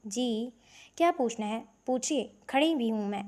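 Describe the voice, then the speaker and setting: Woman voicing a prim religious girl, cold and sharp, kinda high pitch, audiobook. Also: animated, natural voice. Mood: scornful. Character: stern, devout young woman student.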